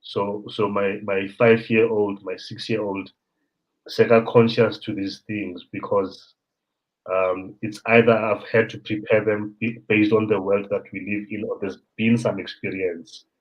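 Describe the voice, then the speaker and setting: A South African man in his thirties hosting a casual conversation, an animated storyteller who mixes in local words. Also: lowish voice, a little slow. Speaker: host. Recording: dull lo-fi sound.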